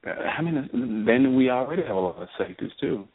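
A man's voice: medium pitch, lively intonation, a little fast, husky, no echo. A man calling in to a radio show over the phone, giving emphatic opinions in casual chat. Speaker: radio call-in caller. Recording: tinny, dry phone line.

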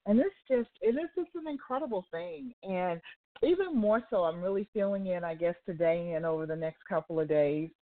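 Woman, 60s, church elder talk host; lower voice, emphatic repetition, phone-line sound. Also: animated, fairly quick. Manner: effusive, repeats phrases for emphasis.

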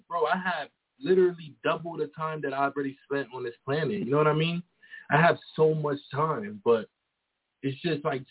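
This guest, a man in his twenties, has a fairly high voice with a breathy edge. He rambles through casual conversation, frequently dropping "you feel me," over a tinny, phone-like recording.

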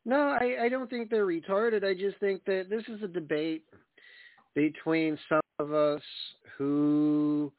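A man hosts a casual radio talk show in a slightly high voice. He rambles informally and uses plenty of slang. The sound is dry and narrow, like a phone call. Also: steady tone, unhurried, no room sound. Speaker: wrestling radio show host. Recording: thin phone-like line.

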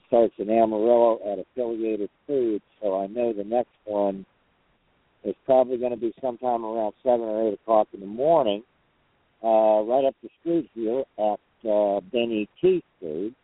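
A man's voice: on the low side, dry recording. A man hosting a casual truckers' call-in show from a parked truck cab, talking in a folksy, rambling, hesitant way. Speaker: host of a truckers' talk show. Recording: narrow, tinny phone or radio line.

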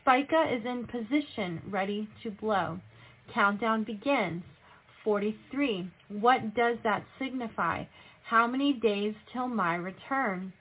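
A woman with a husky, mid-range voice speaks slowly, delivering religious prophecy and scripture with solemn admonishment and rhetorical questions. She is a self-styled prophetess speaking a message as God, and the audio is tinny, narrow-band and phone-like.

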